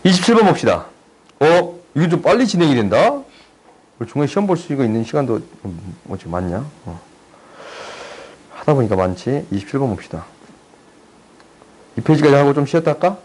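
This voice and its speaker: A young man tutoring high school math in a chatty, teasing way, often checking that students follow. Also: big pitch swings, fairly quick, pauses often, darkish tone, slightly rough, low-quality recording. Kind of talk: casual online math lesson.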